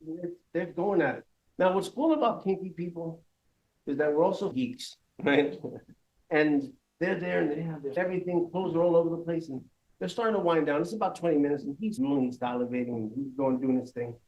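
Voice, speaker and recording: A man telling a crude story on stage, profane and animated, laughing as he goes. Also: on the high side, brisk, dull audio. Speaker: live storyteller. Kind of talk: live storytelling.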